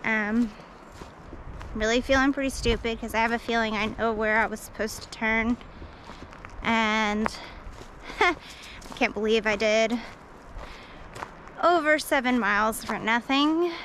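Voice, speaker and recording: On a forest trail, a woman hiking alone speaks to her action camera in a voice on the high side, fairly bright and fairly even in intonation. She talks a little slowly with long pauses, rambling, self-deprecating and full of fillers. The audio is poor, with slight background noise.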